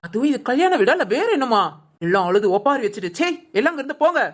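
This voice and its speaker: A woman's voice: on the high side, very animated, quick pace. A woman playing a cruel, greedy middle-aged stepmother in a village drama, harsh and bossy. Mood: scolding.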